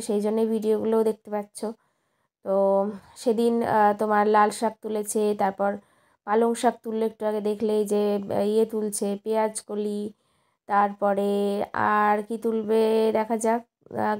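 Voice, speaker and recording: Young woman, a chatty vlogger who rambles and corrects herself, with a mellow, gravelly voice. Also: a little high. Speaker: vlogger and schoolteacher. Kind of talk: casual vlog narration.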